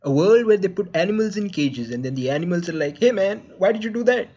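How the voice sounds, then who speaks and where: A man putting on a deep announcer voice for a mock sponsor read, in a dry, mock-solemn way. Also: lively intonation, fast, mellow, husky, muffled recording.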